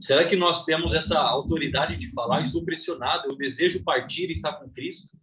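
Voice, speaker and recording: A man's voice: on the high side, brisk, highs cut off, a crowd in the background. A man with a Brazilian accent teaching a Bible study class, reading scripture aloud and explaining it, often checking in with "né?". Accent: Brazilian Portuguese. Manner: reads scripture aloud, then explains with frequent "né?".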